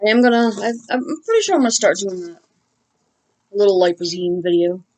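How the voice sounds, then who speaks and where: A woman in her forties hosts an unboxing video in easy, casual chat. She jokes a lot and laughs often, her voice sitting at an ordinary middle pitch. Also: sing-song, brisk, darkish tone. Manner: chatty and joking, laughs often. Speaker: unboxing vlog host.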